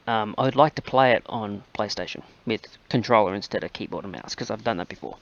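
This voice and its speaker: A man's voice: lowish voice, fast talker, muffled recording. A man hosting a gaming channel, chatting casually and rambling with plenty of fillers as he plays. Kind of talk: casual gameplay commentary.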